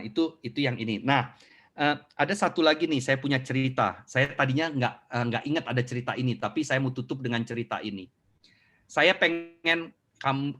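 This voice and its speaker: A middle-aged man giving a motivational talk online, answering questions and acting out little scenes for his audience. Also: medium pitch. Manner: animated storyteller who acts out scenes. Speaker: motivational speaker.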